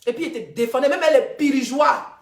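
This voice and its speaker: A woman's voice: sits high, fairly quick, vocal fry. Emphatic Ivorian woman livestreaming in an echoey room. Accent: Ivorian French. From Ivory Coast. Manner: emphatic, repeats herself, voice rising and dropping sharply. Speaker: social media livestreamer. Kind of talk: heated livestream monologue.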